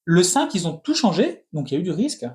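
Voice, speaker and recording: A man in his thirties, chatting as co-host of a film review. He rattles his opinions off quickly in a slightly high voice, often restarting his sentences. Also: big pitch swings, a little mellow. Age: 30s. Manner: opinionated, talks in quick restless bursts with many restarts. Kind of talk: casual film critique chat.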